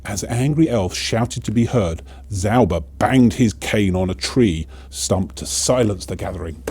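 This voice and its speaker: A man playing a kindly old Father Christmas, gently narrating a storybook to children. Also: fairly low pitch, lively intonation, measured pace, slight background noise. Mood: gentle storytelling.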